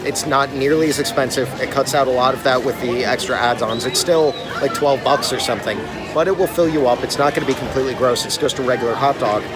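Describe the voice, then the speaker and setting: A man with a medium-pitched voice gives a casual, opinionated food review as co-host. His manner is wry and chatty. A busy crowd and music are clearly heard around him outdoors. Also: quick pace, hardly any pauses. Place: outdoors in a busy theme park.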